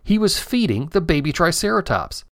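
A man narrating a children's story in a gentle, expressive storytelling manner. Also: on the high side, normal speed, no room sound, clean studio sound.

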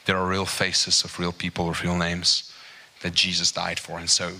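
Forceful low-voiced man preaching. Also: moderate pace, gravelly. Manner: emphatic, repeats "right?" and "okay?"; grows higher and more animated as he builds. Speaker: guest preacher. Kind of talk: sermon. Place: church service.

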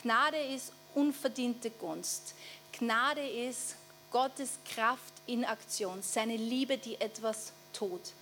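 A woman with an Austrian German accent preaching a conversational sermon. She often asks the audience for assent and slows down to stress key phrases. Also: on the high side, a bit bright, soft background music. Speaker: pastor. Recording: faint mains hum.

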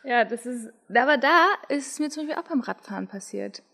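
A young German-speaking woman in casual conversation, telling a race story in a relaxed way with frequent fillers. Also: fairly high pitch, fairly quick, vocal fry. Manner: relaxed, thinking aloud with fillers. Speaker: podcast co-host, triathlete.

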